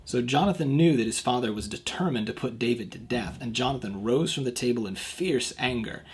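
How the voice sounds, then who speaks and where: A man's voice: mid-range voice, breathy edge. A man giving a devotional talk as a youth pastor, reading the passage aloud and stopping to explain it in plain words. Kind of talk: devotional scripture reading and commentary.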